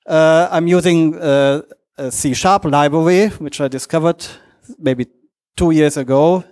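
A man who is not a native English speaker gives a lightning talk presentation in a halting, hesitant way, in short fragments. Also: fairly high pitch, darkish tone. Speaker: conference speaker.

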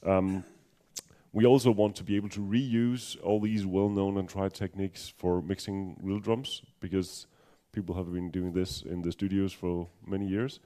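Presenting at a software conference, a deep-voiced speaker from Denmark talks through technical material in accented English. He sounds dark and relaxed, often hesitating with ums, pausing, and starting sentences over. A dry, self-deprecating wit runs through his talk.

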